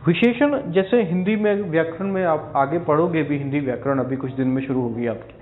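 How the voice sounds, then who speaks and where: A male teacher explains grammar patiently and step by step, repeating key terms and pausing to check that his students follow. His voice sits fairly high for a man. The recording sounds thin and phone-like, with a hollow echo from the room. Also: a little hiss or hum. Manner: repeats key words for stress. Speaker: English teacher. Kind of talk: recorded video lesson for exam aspirants.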